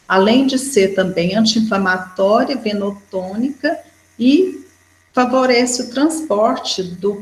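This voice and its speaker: A Brazilian woman lectures at a medium pitch, her voice bouncing around a reverberant room. She explains point by point and keeps tagging her sentences with a quick "né". The sound is that of a recorded class talk. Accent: Brazilian Portuguese. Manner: explanatory, with frequent "né" fillers. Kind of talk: educational lecture. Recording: echoey room.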